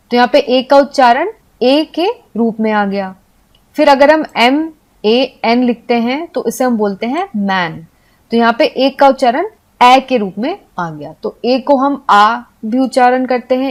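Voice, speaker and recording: Woman English teacher, fairly high voice, patient step-by-step explaining. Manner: patient, explains step by step, spells letters slowly. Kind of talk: video lesson for Hindi speakers.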